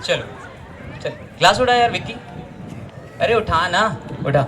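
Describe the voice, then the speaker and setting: A man plays a jovial young college drinking buddy in a stage play. He is high-pitched, slangy and insistent, coaxing pushily over light background noise. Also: expressive, measured pace, a crowd in the background. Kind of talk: amateur stage play acting.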